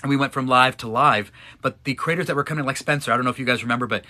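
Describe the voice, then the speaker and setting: Bright-voiced man, choked up. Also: medium pitch, racing. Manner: emotional, choking up at times, chatty with restarts. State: tearful, choked up. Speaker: live streamer, one of a couple. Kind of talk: casual chat answering follower questions.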